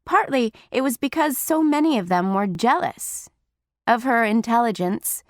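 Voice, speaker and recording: A woman narrating a teen novel in the first person, with steady, wry storytelling. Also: fairly high pitch, moderate pace, no room sound, clean studio sound. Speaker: audiobook narrator.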